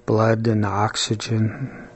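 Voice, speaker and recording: Even-toned man guiding a slow meditation. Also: fairly low pitch, breathy edge. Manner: calm, soothing, with long pauses between short phrases. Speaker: meditation guide. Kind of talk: guided body-scan meditation.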